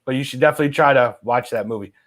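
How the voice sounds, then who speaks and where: A man's voice: medium pitch, racing, a bit bright. A man hosting a casual live stream, reading viewer comments aloud with many "uh" fillers. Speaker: host.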